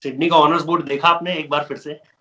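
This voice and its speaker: Male interviewer, chatty and eager, bright tone, slightly high pitch. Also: flat delivery, fast. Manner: long, winding, eager questions. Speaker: sports interviewer, host. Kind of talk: interview questions.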